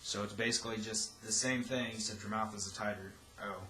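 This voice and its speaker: A man's voice: fairly low pitch, steady tone, quick pace, sharp tone. A young man giving a casual, loosely rambling tutorial as a vocal instructor. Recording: roomy echo, faint background noise.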